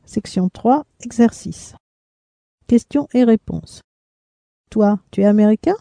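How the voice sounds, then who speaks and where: A woman leading a language lesson, reading drill prompts in a measured cadence. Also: on the high side, vocal fry, dark tone. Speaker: language teacher.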